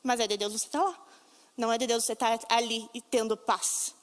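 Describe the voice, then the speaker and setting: A woman's voice: on the high side, fairly even intonation, brisk. A Brazilian woman preaching a sermon, telling stories emphatically and acting out the voices she quotes. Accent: Brazilian Portuguese. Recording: long reverb of a hall.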